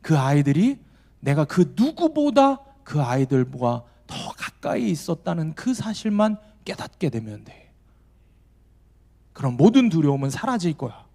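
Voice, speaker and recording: A preacher giving voice to a hushed, gentle divine father. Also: a little high, sing-song, measured pace, creaky, full character voice. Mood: tender.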